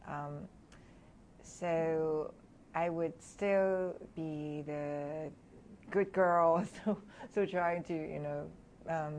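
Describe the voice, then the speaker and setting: A woman in her thirties from Hong Kong, a guest speaking candidly and reflectively in an interview, often laughing softly between thoughts. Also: low-pitched, fairly even intonation, extremely slow, a little hiss or hum.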